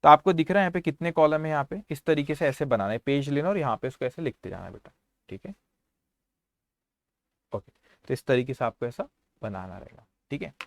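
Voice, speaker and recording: Indian guy teaching accounting online, kinda high voice, close dry mic, keeps saying beta to students. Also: lively intonation, a little fast, gravelly, pauses often, dry recording. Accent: Indian English. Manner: talks to students as 'beta', mixing Hindi with English terms. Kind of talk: online class lecture.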